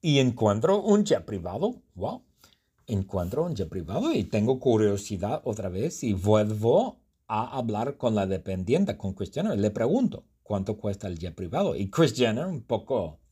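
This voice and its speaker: A man's voice: on the low side, sing-song, moderate pace, mellow, slightly rough. Man playing a bumbling, indignant storybook guy. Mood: playful. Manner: first-person storytelling, exaggerated indignation.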